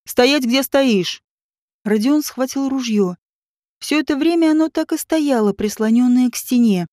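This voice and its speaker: A woman narrating an audiobook in a steady, even storytelling manner. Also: high voice, moderate pace, dry recording, clean studio sound. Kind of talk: scripted narration.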